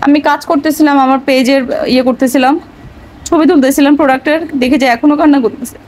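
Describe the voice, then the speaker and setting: A woman's voice: high-pitched, steady tone, fast talker, darkish tone, a little hiss or hum, low-quality recording. A young woman vlogging at home, tenderly coaxing her crying child with repeated endearments, weary and distressed.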